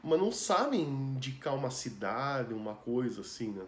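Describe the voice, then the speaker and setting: A man's voice: mid-range voice, sing-song, moderate pace. Chatty Brazilian man in an echoey room. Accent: Brazilian Portuguese. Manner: chatty, loose, full of asides and "né" tags, laughs often. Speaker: guest telling a personal story. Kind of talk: casual storytelling chat. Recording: roomy echo with faint ambience.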